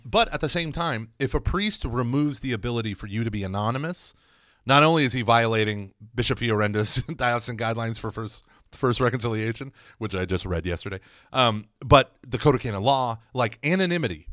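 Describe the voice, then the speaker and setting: A man teaching about confession in a lively, emphatic conversational way, with jokey storytelling. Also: medium pitch, no echo, studio quality.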